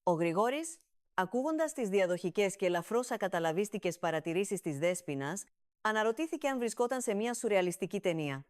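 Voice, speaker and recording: A woman reading a fan story aloud in an even storytelling manner, lifting her voice for the characters' lines. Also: mid-range voice. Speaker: story reader.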